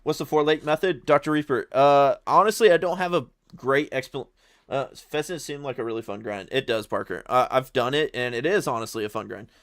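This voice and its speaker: A relaxed male streamer talks casually to his chat between moments of play, his pitch sitting right in the middle of the usual range for a man. He stumbles and repeats words, throwing in "dude" and "brother". The sound is dry, with almost no room around it. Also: fairly quick, no echo. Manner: slangy, laid-back, calls viewers brother and dude. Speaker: live streamer. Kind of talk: casual live-stream chat while gaming.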